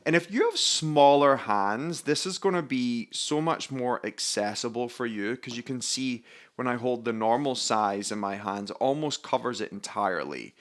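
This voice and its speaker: Hosting a casual YouTube vlog that walks through an oracle card deck, a Scottish man who sounds to be in his thirties is enthusiastic and upbeat. His medium-pitched, slightly bright voice has lively intonation and a moderate pace with hardly any pauses, over faint background music.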